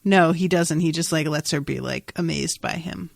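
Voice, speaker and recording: A woman hosting a podcast recaps a TV episode in a wry, sweary, animated way, acting out bits of the dialogue. Her voice sits low and gravelly at a normal speed, in a dry, studio-quality recording.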